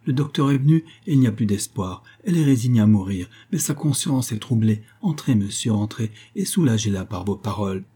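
An earnest little servant girl urges a visitor to come inside in a storybook reading, as a male narrator lifts his voice for her. The tone stays mellow with a slight husky grain. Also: lowish voice, expressive, a little fast, few pauses. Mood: urgent. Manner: urgent, imploring.

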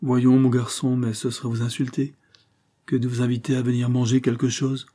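A man voicing a sardonic, fearless, frail gentleman. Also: medium pitch, little pitch movement, fairly quick, slightly rough, natural voice. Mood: needling. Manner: cutting, sneering delivery.

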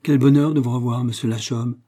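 Young male inventor read by a man, warm, exclamatory, husky. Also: medium pitch, normal speed, pitched above the performer's own voice, natural voice.

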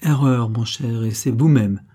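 Man doing a cold, implacable woman, commanding, dark, husky. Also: mid-range voice, measured pace, natural voice. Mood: coldly threatening. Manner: cool, threatening, commanding. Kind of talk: audiobook reading.

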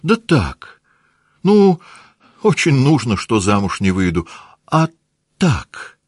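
A man voicing an excitable teenage girl. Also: on the low side, slow, slightly rough, no echo, studio quality, voice pushed up, full character voice. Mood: excited. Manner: excited, teasing, insistent. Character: lively teenage girl, playful and stubborn. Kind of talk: audiobook character voice.

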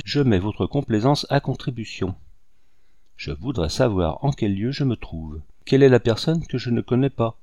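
A man's voice: medium pitch, mellow, no echo, clean studio sound. A man reading the lines of a young noblewoman taken captive, in an earnest, emotional audiobook delivery.

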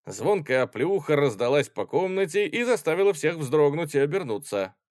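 A male narrator reading a classic novel aloud. His pitch moves lively through each sentence, and the sound is dry and close. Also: normal speed, no room sound. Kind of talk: audiobook narration.

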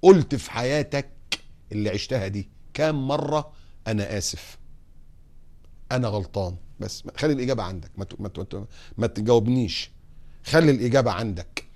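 A man with an Egyptian accent preaching on morals, putting lively rhetorical questions to his audience and telling humorous anecdotes. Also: medium pitch, brisk, long pauses. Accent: Egyptian Arabic. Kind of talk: religious talk on morals.

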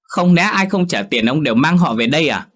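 Một người đàn ông giả giọng bà vợ địa chủ chua ngoa, the thé, càu nhàu. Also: male voice, very animated, a little fast, a bit bright, husky. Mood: angry. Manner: shrill, nagging. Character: shrewish older wife of a rich landlord.

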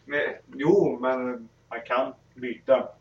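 A man's voice: mid-range voice, steady tone. A man co-hosting a casual podcast chat with dry, teasing interjections. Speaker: podcast co-host. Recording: roomy, dull lo-fi sound with faint noise.

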